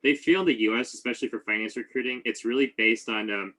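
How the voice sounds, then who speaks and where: A man moderating a club session on a call, reading student questions aloud, often pausing with "um". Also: mid-range voice, sharp tone, rough recording. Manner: hesitant, frequent "um" and "you know".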